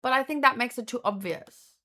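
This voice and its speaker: A woman with a slightly high, sharp-toned voice hosts a manga read-along, talking a little fast. Her casual reactions are thought through aloud, musing and hesitant, with words often repeated.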